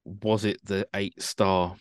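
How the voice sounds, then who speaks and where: A man's voice: deep voice, level tone, slow, smooth, no echo. A man hosting a casual podcast chat, giving dry, opinionated takes with wry asides. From United Kingdom. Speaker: podcast host.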